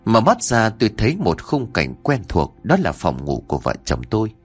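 A man's voice: lowish voice, wildly swooping pitch, moderate pace, slightly rough, faint music behind. A man narrating a horror story in a dramatic storytelling manner.

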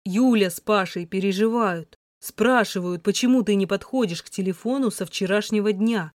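A woman's voice: medium pitch, moderate pace, dry recording, clean studio sound, natural voice. Woman voicing a blunt, pushy young man. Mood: pressing. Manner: terse, pressing questions.

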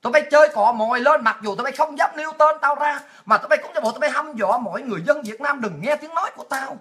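Loud, mocking woman. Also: high-pitched, rapid-fire. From Vietnam. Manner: shouting, mocking, with crude insults and laughs. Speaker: political commentator. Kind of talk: ranting livestream monologue.

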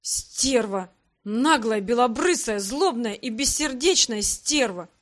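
A woman's voice: a little high, moderate pace, fairly bright tone, close to an everyday voice. Woman doing a grumpy, whining young brother. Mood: indignant. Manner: complaining, indignant. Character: grumpy sleepy young man, whiny brother.

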